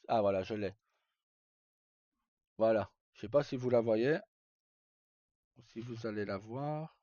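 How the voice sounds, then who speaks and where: A man with a mellow, mid-range voice streams to live viewers, chatting in a casual, rambling, hesitant manner with colloquial language and a bit of swearing. The recording comes from a dull lo-fi microphone in an echoey room.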